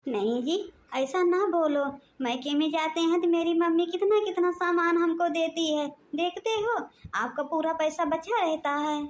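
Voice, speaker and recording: A woman's voice: extremely high pitch, normal speed, hardly any pauses. A woman voicing a meek young wife in a cartoon, pleading and placating with her angry husband.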